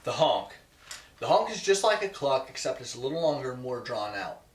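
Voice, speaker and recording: A man's voice: medium pitch, very animated, fairly quick. A man presenting an instructional video to viewers, emphatic and repeating key points for stress. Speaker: presenter teaching goose calling. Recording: echoey, roomy sound.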